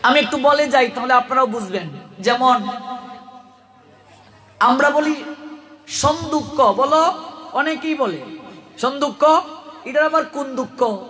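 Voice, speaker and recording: A man's voice: very high voice, a little slow, pauses often, sharp tone. A man teaching pronunciation, spelling words out letter by letter with chuckling asides. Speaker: religious speaker teaching pronunciation. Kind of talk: spoken lesson to an audience. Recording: long hall reverb.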